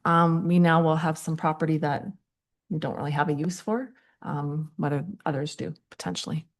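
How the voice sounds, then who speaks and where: A woman on municipal staff answering councillors' questions at a meeting, in a measured way with frequent ums. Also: deep voice, steady tone. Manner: measured, many ums, repeats "accordingly".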